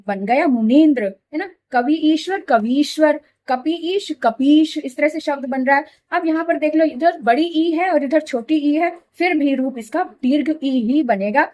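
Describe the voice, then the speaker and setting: A middle-aged woman with a high voice explains grammar to her students. She is patient, goes through each example slowly and repeats it. She keeps checking that they follow along. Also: darkish tone, highs cut off. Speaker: Hindi grammar teacher. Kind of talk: classroom explanation.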